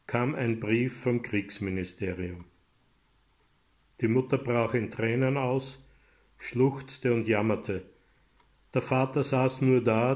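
A man from Austria, an author reading his own story aloud in a measured, dramatic way. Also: mid-range voice. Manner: measured and dramatic, rising in loud passages. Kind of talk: literary reading.

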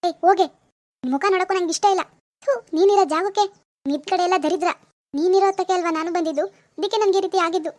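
A grieving young cartoon wife who lashes out in bitter accusations, voiced by a woman. Her voice sits very high and the words tumble out quickly. The recording is close and completely dry. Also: a little mellow, dry recording. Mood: furious. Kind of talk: animated village drama voice acting.

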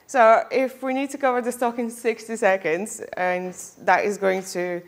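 A woman's voice: mid-range voice, level tone, moderate pace. Chatty woman giving a conference talk. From Bulgaria. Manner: chatty, frequent ums, self-deprecating asides. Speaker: conference speaker. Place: lecture hall with projector screen. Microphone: headset mic.

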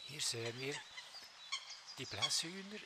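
A man's voice: medium pitch, animated, measured pace, very noisy. A man giving unscripted nature documentary commentary, explaining things in short, simple phrases. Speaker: narrator. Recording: music behind the voice. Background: music.

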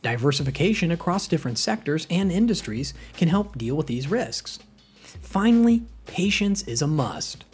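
A scripted narrator reads a finance explainer in an even, practiced cadence, the pitch rising and falling with a lively swing. Soft music sits faintly underneath the voice. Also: normal speed. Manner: steady explainer reading a list.

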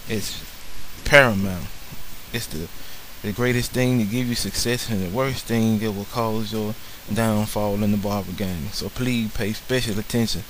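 A man's voice: fairly low pitch, fairly even intonation, measured pace, fairly bright tone, a little hiss or hum, low-quality recording. A man narrating a slideshow lesson on barbershop sanitation in an earnest way, with many filler words. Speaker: barber instructor.

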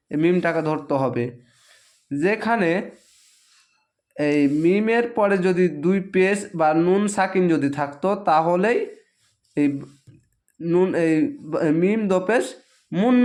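A man teaching Quran reading in a Bangladeshi Bengali accent, spelling each syllable slowly and patiently in a drawn-out recitation. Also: high-pitched, darkish tone. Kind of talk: slow letter-by-letter spelling lesson.

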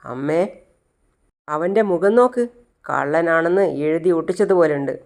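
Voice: medium pitch, animated, normal speed, darkish tone, close to an everyday voice. Narrator doing a pleading young woman. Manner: pleading, protesting.

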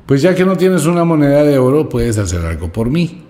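A man's voice: on the high side, sing-song, fairly quick, dark tone, soft background music, pitched above the performer's own voice. A man voicing a grumpy, aggressive little old male magician in a told story. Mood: insistent. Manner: gruff, snapping, scatterbrained.

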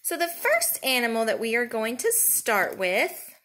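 A woman in her thirties leading a children's counting lesson, talking simply and in a sing-song way as to a toddler, with questions and pauses for answers. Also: on the high side, big pitch swings, pushed and bright. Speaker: preschool teacher.

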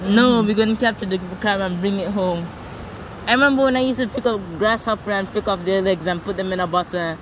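Excitable woman shouting off-camera outdoors. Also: medium pitch, a little fast, background noise. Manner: excitable, loud exclamations. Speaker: family member. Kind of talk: excited casual chat. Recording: music over the voice.

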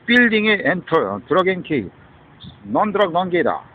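A husky-voiced man rambles through a monologue, his pitch swinging up and down. He jumps between Korean and English and keeps tossing out a questioning "huh?". The recording sounds dull and lo-fi. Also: sing-song, moderate pace.

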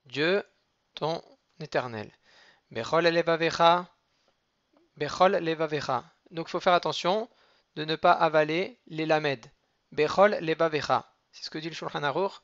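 A man giving a cantillation lesson, chanting verses slowly and then explaining each word with careful repetitions. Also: a little high, a bit bright, dry recording, highs cut off. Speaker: teacher of Torah reading.

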